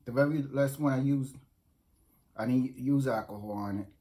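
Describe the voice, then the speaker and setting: A middle-aged man with a New York accent reviews food in a casual vlog, filmed close up on a phone or webcam in a small room at home. His mid-range voice is warm and moves at a moderate pace. He rambles, repeats himself and keeps restarting sentences.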